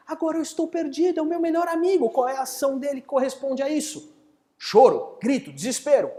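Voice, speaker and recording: An instructor tells a story with a lot of life, and the pitch swings up and down all the time. The voice sits in the middle range and rings with a long hall echo. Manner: animated storyteller who acts out characters. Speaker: course instructor. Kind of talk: lively storytelling lecture.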